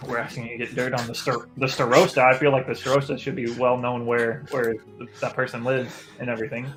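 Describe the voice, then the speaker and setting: A man's voice: medium pitch, little pitch movement, fairly quick, a bit bright, faint music behind. A man playing a tabletop game, bantering casually with the other players.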